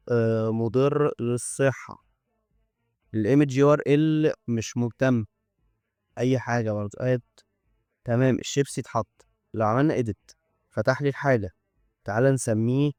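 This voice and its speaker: A tech YouTuber with an Egyptian Arabic accent casually demos a coding tool on screen, chatting, thinking aloud and tossing in joking asides along the way. His voice is medium-pitched with a darkish tone, recorded in studio quality with no echo.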